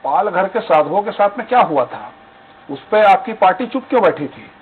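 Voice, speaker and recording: Male party spokesman, high voice, accusatory, phone-like audio. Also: sing-song, normal speed, husky. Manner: indignant, accusatory questions. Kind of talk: televised debate argument. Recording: tinny phone-line audio.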